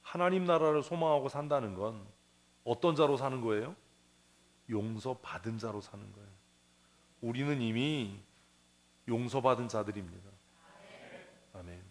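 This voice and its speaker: Gravelly-voiced man preaching. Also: mid-range voice, normal speed, pauses often. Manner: conversational preaching, acts out the parable's voices, asks the congregation questions. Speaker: pastor. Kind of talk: sermon. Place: church sanctuary.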